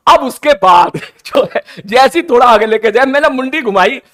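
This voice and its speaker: A male teacher, telling his students a story in an animated, teasing way and slipping English phrases into his talk. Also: very high voice, moderate pace.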